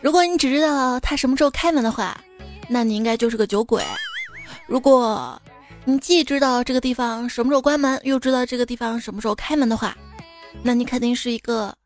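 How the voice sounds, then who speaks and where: A woman's voice: a little high, fairly quick. A woman podcast host reading jokes aloud in a playful storytelling way. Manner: playful storyteller, acts out quoted voices. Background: faint background music.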